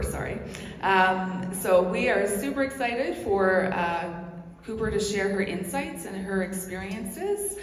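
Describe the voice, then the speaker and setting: A woman introducing a speaker at a public event, talking in plain, earnest sentences. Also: mid-range voice. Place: large hall, over a microphone. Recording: echoey hall with clear background noise.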